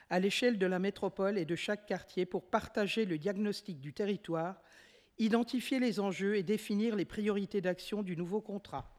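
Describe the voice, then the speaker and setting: Woman councillor, formal report read aloud, measured and steady, long chamber reverb. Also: medium pitch. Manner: steady, measured reading with occasional self-corrections. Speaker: municipal councillor presenting a motion. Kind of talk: formal reading of an administrative report.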